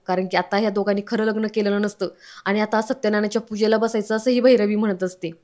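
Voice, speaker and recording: A woman recounts a television serial episode scene by scene in a Marathi accent. She reads out every character's dialogue herself in a steady, mid-pitched voice. Her intonation stays flat and even throughout. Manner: reads all characters' lines herself, quoting them in a mostly even tone. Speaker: serial episode recap narrator. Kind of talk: storytelling recap of a TV serial.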